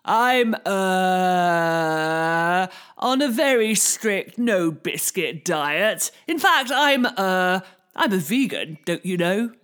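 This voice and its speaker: A woman voicing a sly male fox in a storybook for children, coaxing and overly polite with drawn-out hesitations. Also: fairly low pitch, expressive, fairly bright tone, clear, resonant tone, voice pushed up, full character voice. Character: sly smooth-talking male fox in a smart hat. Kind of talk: storybook read-aloud for children.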